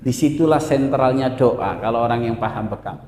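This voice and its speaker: A man giving a casual religious talk in a mosque, lively and often addressing his listeners as "Pak". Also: medium pitch, moderate pace, slight background noise. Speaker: preacher. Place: mosque hall. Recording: echoey mosque hall.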